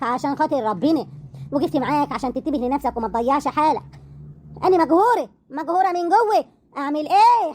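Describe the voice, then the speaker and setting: A woman with an Egyptian accent playing a bitter, sharp-tongued wife in an audio drama, scornful and mocking. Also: sits high, lightly acted. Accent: Egyptian Arabic. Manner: scornful, mocking, quick retorts.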